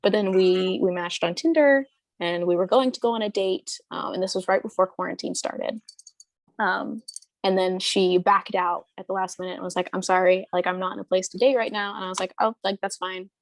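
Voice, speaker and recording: A woman's voice: medium pitch, steady tone, brisk, dry recording. A woman in her early twenties, talking casually as an interview guest, rambling with lots of fillers and restarts. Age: 20s. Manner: rambling, hesitant, many fillers and restarts, laughs often.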